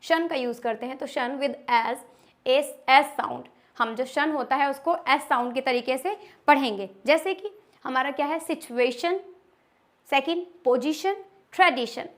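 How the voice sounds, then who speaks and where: A woman teaching English pronunciation rules step by step, reading each rule slowly and often asking whether it is clear. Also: high-pitched. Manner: reads English rules slowly, then explains in Hindi. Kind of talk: classroom-style pronunciation lesson.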